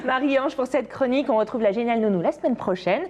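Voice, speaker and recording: A woman's voice: on the high side, fast talker, a little mellow, muffled recording. A woman hosting a radio show, asking short questions and thanking her guest. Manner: brief reactions and questions. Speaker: radio host.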